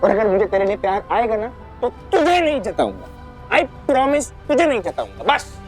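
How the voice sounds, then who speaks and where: An actor playing a loving but deeply hurt elder brother who scolds his sibling, pleading one moment and shouting the next. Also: very animated, moderate pace, soft background music. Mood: wounded scolding.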